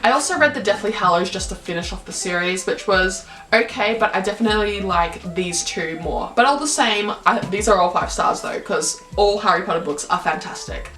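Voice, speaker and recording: A woman's voice: medium pitch, brisk, a bit bright, soft background music. A young woman reviewing her favourite books in a casual vlog, gushing and enthusiastic, full of fillers. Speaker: book vlogger. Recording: roomy home recording.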